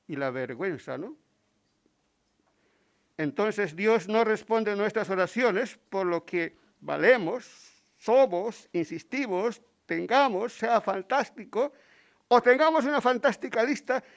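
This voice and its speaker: A man with a Spain Spanish accent preaches a Sunday sermon in church with Bible readings, pausing to pose rhetorical questions to the congregation. His voice sits high and is gravelly with a fairly bright tone.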